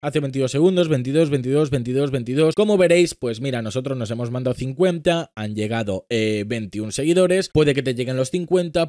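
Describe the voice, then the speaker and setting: A man in his thirties walks the viewer through a tutorial step by step, speaking straight to them. His voice sits a little high for a man. It is recorded close on a studio mic in a dry, dead room. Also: darkish tone, dry recording. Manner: explanatory, addresses viewer directly, gestures with hands. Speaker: social media tutorial host. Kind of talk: screen-recorded tutorial walkthrough. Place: small home studio room. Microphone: studio microphone on boom arm.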